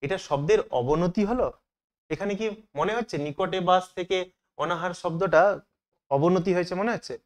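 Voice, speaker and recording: A man's voice: high-pitched, moderate pace, long pauses. A man teaching as he works through exam questions, asking each question aloud and then answering it himself. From Bengal.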